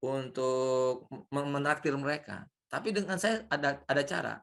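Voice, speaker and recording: Man, young adult, informal classroom lecture, chatty storyteller, rhetorical questions, middle pitch. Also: moderate pace, gravelly, a bit bright. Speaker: lecturer on leadership.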